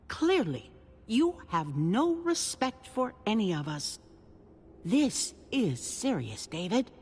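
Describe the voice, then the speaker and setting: A cold, scheming community leader in a video game, haughty and unapologetic. She speaks slowly with a lively rise and fall. A long reverb hangs on the voice over faint ambience. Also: mid-range voice, slightly rough, heavily acted. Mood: accusing.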